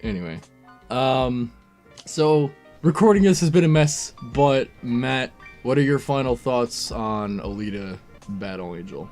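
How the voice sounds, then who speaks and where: A man co-hosting a casual film review, talking loosely with quick jokey asides and plenty of swearing. His voice sits at an ordinary middle pitch. Faint music plays behind him. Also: expressive, a little mellow.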